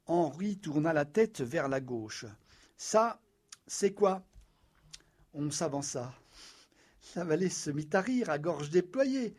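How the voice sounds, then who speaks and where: A man narrating an audiobook in a measured, wry storytelling manner. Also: a little high, lively intonation, darkish tone.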